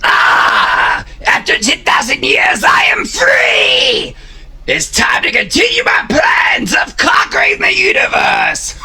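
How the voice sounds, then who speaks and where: A man playing a gloating, hate-filled villain overlord in a theatrical, drawn-out, bellowing way for a fan audio drama. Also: very high voice, huge pitch swings, gravelly, pushed and bright, shouting, faint music behind, exaggerated voice. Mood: triumphant.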